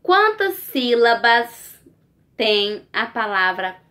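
Woman teacher, unhurried and bright, sing-song coaxing delivery for small kids at home. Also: a little high, sing-song. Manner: slow, coaxing, sing-song teacher talk with tag questions. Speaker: primary school teacher. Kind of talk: recorded remote lesson for young children.

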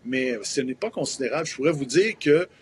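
A man's voice: medium pitch, expressive, fairly quick, slight background noise. A man in his fifties with a Québécois French accent, a promoter explaining things in a hesitant live TV interview with many fillers, heard over a remote video link. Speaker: event promoter.

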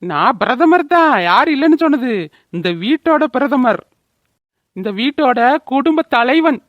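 A woman's voice: high voice, lively intonation, measured pace, dull audio, voice pushed down. A woman voicing a drunken grown son in a cartoon, bellowing and taunting his family. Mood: mocking. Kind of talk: cartoon voice acting.

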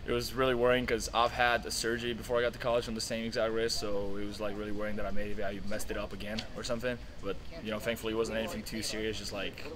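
A man's voice: lowish voice, level tone, fast talker, hardly any pauses, crowd noise, poor audio. A young man, a college tennis player, giving a casual post-match interview outdoors at night by the courts, earnest and full of fillers. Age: young adult.

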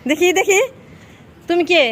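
A woman, talking casually and coaxingly to a child for a vlog, asking questions and giving gentle instructions outdoors by the water. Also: very high voice, steady tone, moderate pace. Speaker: vlogger.

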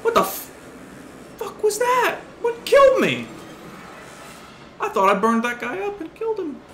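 A man doing let's play commentary on a horror game, excitable and jumpy, swearing often. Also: very high voice, normal speed. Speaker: gaming video host. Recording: roomy with steady background noise.

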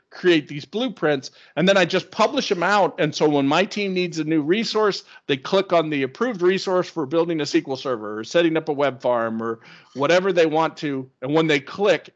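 A man presenting a screen-share tech webinar, explaining in an enthusiastic, conversational way. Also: fairly high pitch. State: hiccups. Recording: dull lo-fi webinar audio.

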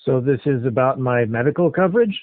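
Over a tinny narrowband phone line, a man strings scam callers along, blunt and skeptical as he questions them. His medium-pitched voice is expressive and brisk.

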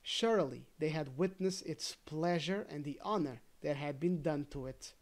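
A storybook reader with a medium-pitched voice tells a fairy tale at a moderate pace, careful and gently expressive, with some casual asides.

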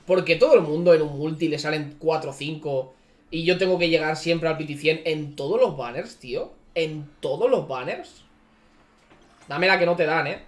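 A man's voice: fairly high pitch, steady tone, brisk. A man with a Spain Spanish accent, ranting and swearing repetitively as he reacts to game summons. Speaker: gaming streamer. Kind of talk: gacha summon reaction commentary.

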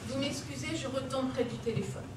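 An actress playing an apologetic, flustered receptionist on an amateur stage, heard from far off in an echoey hall. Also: female voice, sits high, fairly quick, noisy background, close to an everyday voice.

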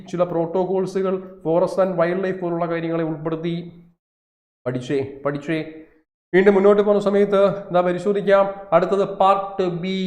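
A man's voice: sits high, darkish tone, echoey room. A man going through an exam syllabus as a coaching teacher, asking and answering his own questions and repeating key points for stress. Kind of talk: syllabus walkthrough lesson.

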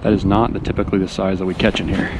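A fishing vlogger in his forties talks very fast in a deep voice while ice fishing outdoors on a frozen pond, his casual commentary surging with excitement when fish bite. It was captured on a body-worn action camera, with loud wind noise on the mic.

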